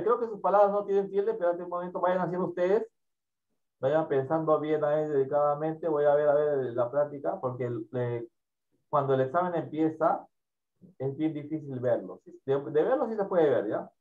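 A male teacher running an online class for children, patient and repetitive, often trailing off into quiet mumbling, with a Peruvian Spanish accent. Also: on the high side, normal speed. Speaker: primary school teacher. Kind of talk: online class, casual instructions. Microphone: computer mic on video call. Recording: dull lo-fi call audio.

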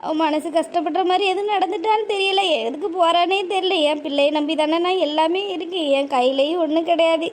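A woman voicing a doting, tearful old village mother, speaking softly and plaintively. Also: very high voice, quick pace, a little hiss or hum. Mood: sorrowful. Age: older. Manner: pleading, soft and plaintive. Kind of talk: cartoon voice acting.

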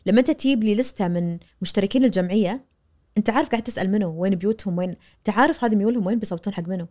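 Racing through her explanations, a Kuwaiti media professor in her forties appears as a guest on a studio podcast. She's animated and gestural, acting out the voices she quotes, with a Kuwaiti Arabic accent, all picked up by a boom-arm studio mic.

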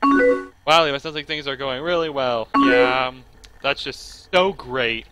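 A young man playing a chat game and reading its lines aloud, laughing at them, over loud game music. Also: medium pitch, measured pace, low-quality recording. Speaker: gamer. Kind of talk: let's play commentary.

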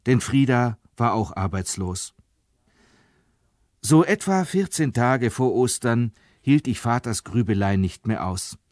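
A man narrates a literary story in a calm, measured voice. His voice sits low, and the sound is dry with no room echo. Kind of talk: scripted literary reading.

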